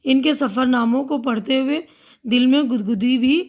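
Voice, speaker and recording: A woman's voice: sits high, darkish tone. A woman teacher patiently walking students through a school lesson, repeating and explaining each word. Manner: patient, repeats and glosses words.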